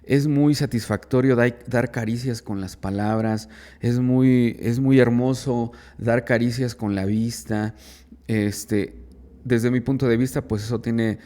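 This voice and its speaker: A man gives an informal talk as a psychologist, at a mid-range pitch. He keeps restarting phrases and stressing his point with rising rhetorical questions, checking in with his listeners as he goes. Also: fairly even intonation, a little slow, mellow. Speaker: psychologist giving a radio talk. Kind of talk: informal lecture to a recovery group.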